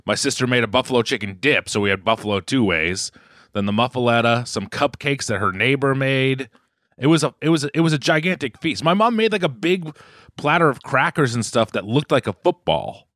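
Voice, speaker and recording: A man with a Boston accent rambles through a casual podcast chat, stumbling over repeated words and laughing often. His pitch swings up and down a lot. The sound is close and dry. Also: lively intonation, brisk, a bit bright, no room sound. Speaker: podcast co-host. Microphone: headphones, remote call.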